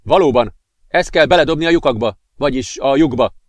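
A man voicing an earnest young male companion who explains things in a calm way. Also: medium pitch, no echo, lightly acted.

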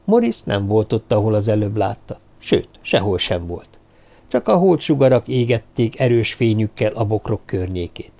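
A man's voice: on the low side, big pitch swings, vocal fry, mellow. Man narrating an audiobook. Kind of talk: scripted narration.

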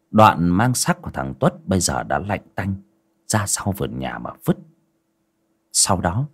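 A man narrating a horror story with dramatic, expressive delivery. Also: deep voice, breathy edge.

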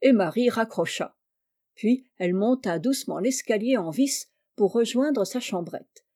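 A woman reading a crime short story aloud in a measured, steady narration. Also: a little high. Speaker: story reader.

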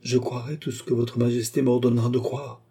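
A man's voice: mid-range voice, flat delivery, a little fast, mellow, breathy edge. A man playing a devoted young courtier. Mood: fervent. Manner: fervent, courtly deference. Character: devoted, respectful young nobleman. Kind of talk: audiobook character reading.

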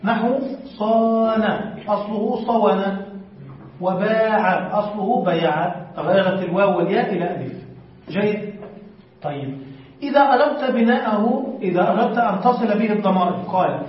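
A man's voice: high-pitched, moderate pace. A man teaching a class as a sheikh. He reads a text aloud, then explains it and asks his students questions. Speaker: sheikh teaching Arabic morphology. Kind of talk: classroom lecture. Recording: very echoey, distant, dull lo-fi.

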